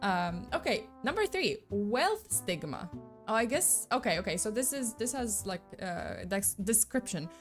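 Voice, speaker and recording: Her voice is medium-pitched and sing-song, delivered at a measured pace over soft background music. She's a young woman with a slight mixed accent, not a native English speaker, wandering through a casual live-stream chat thick with fillers.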